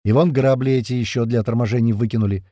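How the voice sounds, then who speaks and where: A man's voice: medium pitch, steady tone, fast, dark tone, no echo. A man narrating a first-person audiobook in a conversational tone with casual swearing, close to the mic.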